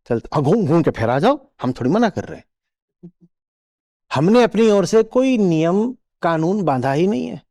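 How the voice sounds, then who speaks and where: Lively-voiced man giving a spiritual discourse. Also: sits high. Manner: rhetorical questions, checks listeners follow; acts out little quoted voices. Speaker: spiritual teacher. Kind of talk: spiritual discourse to a live audience.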